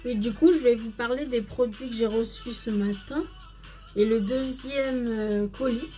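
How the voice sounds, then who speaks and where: A woman's voice: a little high, measured pace, warm tone, soft background music. A woman hosting a casual live makeup stream, chatting to viewers by name and explaining each step as she goes.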